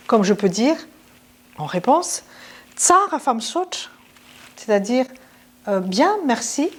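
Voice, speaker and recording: A woman's voice: mid-range voice, a little mellow. A woman teaching a language lesson in a casual, chatty way, with many fillers and restarts.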